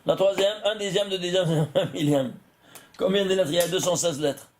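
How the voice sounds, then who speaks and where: A man's voice: high voice, fairly even intonation, moderate pace. A man, a rabbi, teaching a Torah lesson, chuckling often, restarting phrases and checking that his listeners follow. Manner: talks directly to listeners, checking they follow; chuckles often while explaining.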